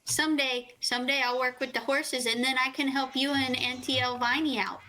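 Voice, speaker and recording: A woman's voice: high-pitched, level tone, fairly quick, bright, forceful tone, slight background noise, low-quality recording. A young woman in character in a roleplay game, talking in a cheerful, folksy way. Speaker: roleplay player.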